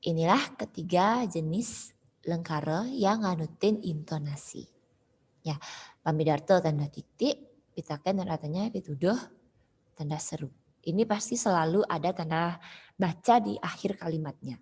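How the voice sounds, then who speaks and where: A woman's voice: lowish voice, moderate pace, darkish tone, breathy edge. A woman teacher giving an online lesson, explaining patiently and repeating her examples. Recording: long hall reverb.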